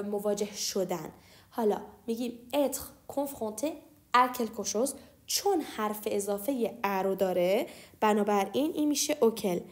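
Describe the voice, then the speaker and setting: A young female teacher with a somewhat high voice walks through grammar points at an easy explanatory pace. She slows right down and enunciates each example phrase so learners can follow. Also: darkish tone. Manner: slows down to spell out French phrases. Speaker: French teacher. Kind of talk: explaining lesson.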